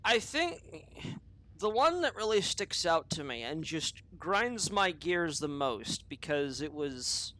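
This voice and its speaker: On a low-quality recording, a man with a fairly high, pushed and bright voice talks a little slowly with lively intonation and few pauses. He hosts an unscripted opinion podcast, rambling profanely through restarts, tangents and self-interruptions.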